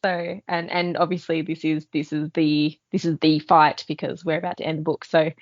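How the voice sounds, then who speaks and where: Speaking at a moderate pace in a deep voice with little pitch movement, a woman co-hosts a podcast and discusses books in a casual, enthusiastic way. The sound is dry, dull and band-limited.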